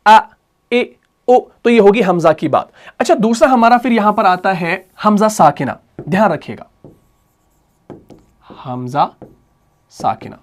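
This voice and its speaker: A man with a high, light voice teaching the rules of Quran recitation. He asks his own questions and answers them. He breaks off to sound out single letters and to recite verses slowly. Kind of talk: tajweed lesson.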